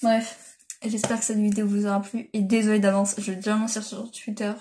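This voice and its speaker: A woman's voice: mid-range voice, level tone, quick pace, mellow. A young woman chatting casually as a manga vlogger, rambling with lots of fillers and restarts, on a built-in device mic. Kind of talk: casual chat.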